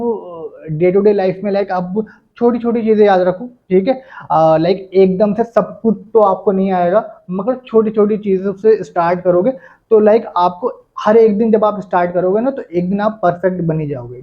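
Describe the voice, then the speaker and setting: A man's voice: sits high, unhurried. A young man from India giving a casual spoken English lesson, repeating a filler after nearly every phrase. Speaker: English teacher. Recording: dull lo-fi sound.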